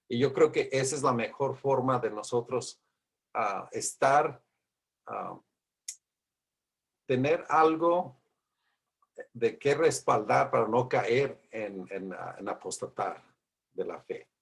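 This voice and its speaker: A man's voice: medium pitch, breathy edge. A man leading a casual Sabbath school lesson discussion, telling a story in a rambling way that keeps repeating "he says". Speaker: Bible study teacher.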